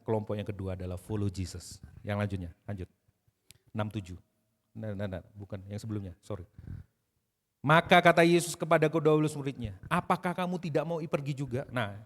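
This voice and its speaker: A male pastor, preaching a sermon in a conversational, animated way that builds into emphatic outbursts. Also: fairly low pitch. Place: church service. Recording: long reverb of a church hall.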